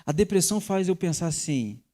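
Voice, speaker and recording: Animated male pastor preaching. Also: high voice, fairly quick. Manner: animated preaching with sharp emphatic rises. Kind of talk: sermon teaching.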